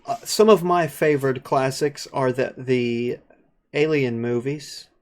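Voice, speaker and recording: A man's voice: medium pitch, unhurried. A young man co-hosting a loose, chatty podcast. He talks in a crude, joking way, swears a lot, and rambles from one thought to the next. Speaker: podcast co-host. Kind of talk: casual podcast chat.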